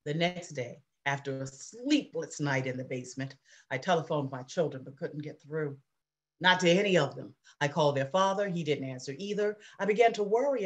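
A woman reading the part of an anxious mother recounting wartime, in an earnest, measured dramatic reading over a video call. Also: lowish voice, lightly acted. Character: anxious middle-aged mother recounting war. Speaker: reader in a play reading.

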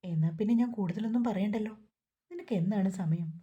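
A middle-aged mother who alternately coaxes and scolds her son, voiced by a woman narrator. Her tone is dark and soft with a husky grain. Told as a storybook reading. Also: mid-range voice, brisk, muffled recording, natural voice. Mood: coaxing. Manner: coaxing, scolding.

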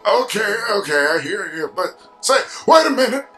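Man putting on a high-pitched, bewildered young hero. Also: big pitch swings, moderate pace, pushed and bright, heavily acted. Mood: incredulous. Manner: incredulous, exclaiming. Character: excitable, bewildered young male adventurer. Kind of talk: amateur voice acting of game dialogue. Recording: game music behind the voice.

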